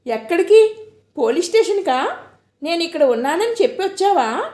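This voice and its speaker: A woman voicing a young married woman who is hurt and quick-tempered, speaking in an emotional, reproachful way. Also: high-pitched, expressive, dark tone, voice pushed up. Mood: tearful, accusing. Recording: echoey room.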